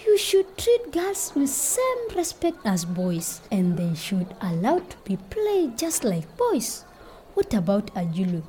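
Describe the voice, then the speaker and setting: A woman's voice: medium pitch, huge pitch swings, slow pace, dark tone, a little hiss or hum, poor audio. A woman teaching a group of children, speaking in an encouraging, sing-song way. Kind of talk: children's lesson.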